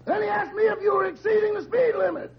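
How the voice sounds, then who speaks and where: Gravelly cheeky comic employee. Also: male voice, extremely high pitch, fairly even intonation, fast. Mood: drily cheeky. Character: cheeky male employee reporting by phone, drily impudent. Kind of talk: 1950s radio comedy acting. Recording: muffled old radio recording with audience.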